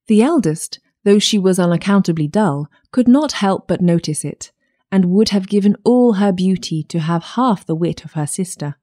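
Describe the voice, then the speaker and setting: A woman narrating a fairytale audiobook in a measured storytelling manner. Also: mid-range voice, animated, dark tone.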